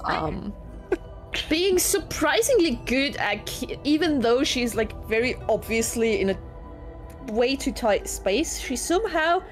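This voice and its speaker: A woman game master narrating a tabletop game casually and haltingly, as if thinking aloud. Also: fairly high pitch, very animated. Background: background music.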